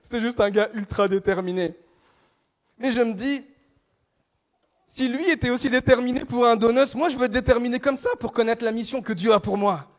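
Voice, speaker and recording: A young man from France delivers a sermon with a high-pitched voice. He tells stories in a lively, self-mocking way, often stumbling and restarting mid-phrase as he works up to his point. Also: a little fast. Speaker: preacher.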